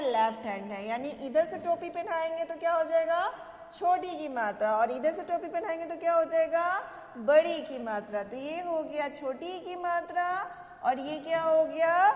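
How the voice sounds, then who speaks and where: A woman teaching a kindergarten language lesson. She asks questions, answers them herself, and draws out the vowels. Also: very high voice. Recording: echoey roomy sound with long reverb.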